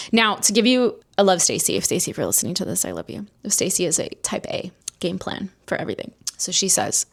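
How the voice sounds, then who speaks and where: An American woman from New Jersey hosts a solo podcast and tells a personal story in a chatty, candid, casual way, swearing now and then. Her voice is medium-pitched and creaky.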